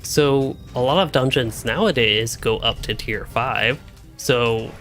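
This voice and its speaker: A young man streams a game from home, his mid-pitched voice carrying a gravelly rasp as he rambles and thinks out loud. Quiet music plays underneath his talk. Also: slow. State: hiccuping. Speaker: gaming streamer. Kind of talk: casual live-stream commentary while playing. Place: home room.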